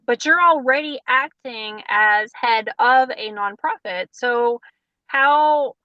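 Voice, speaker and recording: A woman's voice: a little high, bright, forceful tone, dry recording, muffled recording. A woman interviewer asking friendly, encouraging questions.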